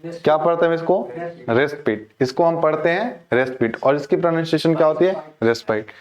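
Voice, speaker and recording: A man's voice: on the high side, fairly even intonation, fast, darkish tone, dull audio. A male teacher giving a classroom lecture on English pronunciation. He keeps asking the class questions and then answering them himself.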